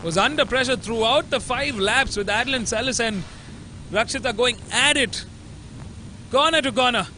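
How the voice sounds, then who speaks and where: A man's voice: very high voice, normal speed. A man with an Indian accent giving live motorsport commentary in an emphatic announcer delivery. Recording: loud engine and trackside noise.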